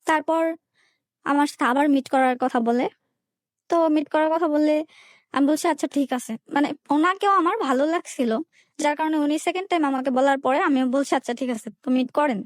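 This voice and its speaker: Speaking as an interview guest, a young adult woman with a Bangladeshi accent relates her personal history casually, replaying exchanges line by line. Her high-pitched voice has a darkish tone, and the recording is dry and studio quality.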